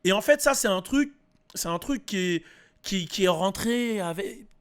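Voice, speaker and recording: A man's voice: high voice, lively intonation, moderate pace, smooth. A man of Antillean background giving a casual spoken commentary, thinking aloud with many fillers and restarts. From French Antilles. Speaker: host. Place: United States.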